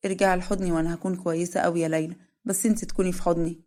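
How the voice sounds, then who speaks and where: A woman's voice: lowish voice, level tone, very fast, dark tone, close to an everyday voice. A woman voicing a grieving mother with an Egyptian accent, tearful and pleading. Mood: tender.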